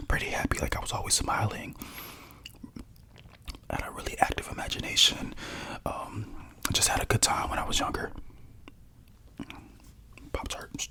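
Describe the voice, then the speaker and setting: A young adult whispering casual stories at home while eating snacks into a close mic for an ASMR video. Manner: soft rambling whisper with crunching and chewing sounds.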